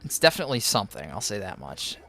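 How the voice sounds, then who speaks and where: Quick, bright, and forceful, a streamer with a lowish voice and big pitch swings talks over faint background music. He checks out viewers' game accounts and fields chat between gameplay, rambling with lots of fillers and restarts as he gives casual tips.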